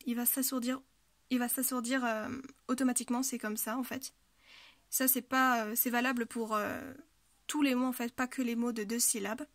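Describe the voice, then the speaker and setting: A woman's voice: on the high side, level tone, normal speed, a bit bright, no room sound. A woman teaching a language lesson, patiently explaining pronunciation rules and repeating example words, with frequent hesitations.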